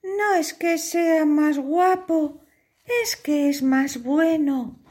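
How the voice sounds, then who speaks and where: A woman voicing a lovesick young princess in a high, sweet voice. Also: fairly even intonation, extremely slow, darkish tone. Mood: pleading.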